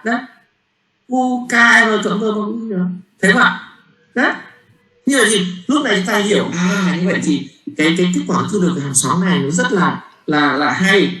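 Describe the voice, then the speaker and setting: A man's voice: sits high, pushed and bright. A man lecturing a physics class in a classroom, speaking. He explains step by step, repeats words while he thinks and often checks with the students. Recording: roomy classroom echo.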